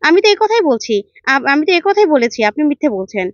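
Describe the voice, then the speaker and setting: A woman's voice: high voice, sing-song, fast, no room sound, voice pushed up. A woman voicing a nervous man who stammers and answers defensively, in a dull, dry recording.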